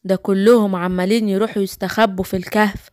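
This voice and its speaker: A woman's voice: mid-range voice, level tone, fast, a little mellow, no echo, studio quality, pitched below the performer's own voice, natural voice. A woman with an Egyptian accent voicing a sneaky female gorilla who mutters her scheming plans to herself.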